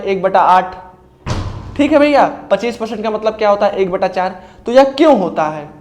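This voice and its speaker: A man's voice: high-pitched, a little mellow. A man from India, giving casual step-by-step advice to exam aspirants and often checking in with his listeners. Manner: explains step by step, often says "ठीक है भैया". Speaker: exam preparation coach. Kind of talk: casual spoken advice talk.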